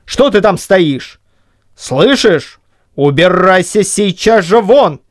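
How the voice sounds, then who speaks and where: A woman voicing a stern, gruff young blacksmith who barks harsh orders in an audiobook reading. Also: on the low side, expressive, takes it slowly, pitched above the performer's own voice. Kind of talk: audiobook reading of a classic story.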